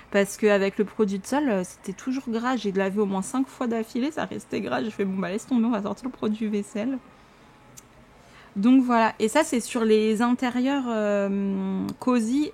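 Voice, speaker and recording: A young woman from France chatting casually to camera in a vlog, animated and full of fillers. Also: fairly high pitch. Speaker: vlogger. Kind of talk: casual unboxing chat to camera.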